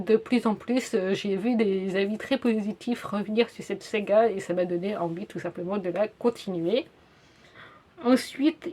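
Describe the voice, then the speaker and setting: A young woman chatting casually in a book review vlog, with frequent fillers and self-corrections. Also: medium pitch. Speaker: book YouTuber.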